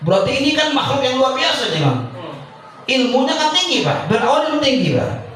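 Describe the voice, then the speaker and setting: A male preacher with giving a humorous sermon, chuckling as he tells a story and chanting Arabic phrases slowly, recorded in a large, echoey hall from far off. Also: extremely high pitch, big pitch swings, fairly bright tone, a little hiss or hum.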